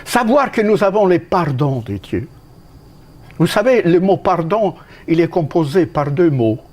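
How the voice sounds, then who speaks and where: A man from Italy with an Italian accent, preaching a sermon in an emphatic way, with sudden leaps and drops in pitch and halting restarts. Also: expressive, a little mellow.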